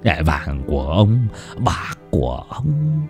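A man's voice: low-pitched, big pitch swings, takes it slowly, a little mellow, faint music behind, heavily acted. A man voicing a cruel, greedy old village chief who sneers in mock-sweet tones and gloats over his killings. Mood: gleeful.

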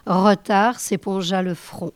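Woman reading a novel out loud, slow and measured, dry close sound. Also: medium pitch, fairly even intonation, dry recording. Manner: measured, unhurried. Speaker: reader.

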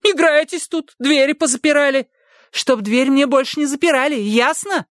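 A man voicing a shrill, scolding middle-aged housekeeper woman in a storybook reading. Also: moderate pace, a bit bright, dry recording, clean studio sound.

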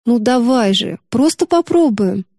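Woman doing a teen older sister, patient, coaxing, mellow slightly raised voice. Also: on the high side, animated, a little slow, no echo, clean studio sound. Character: gentle, responsible older sister, teen girl.

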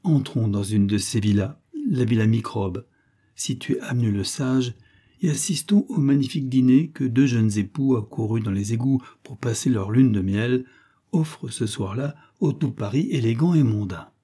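A man narrating a short story in a measured, theatrical audiobook reading. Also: mid-range voice, mellow, slightly rough.

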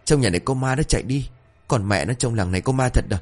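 A man voicing a jumpy young burglar who talks in hurried, anxious half-whispers. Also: medium pitch, natural voice. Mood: panicky. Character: jumpy young male burglar, panicky sidekick.

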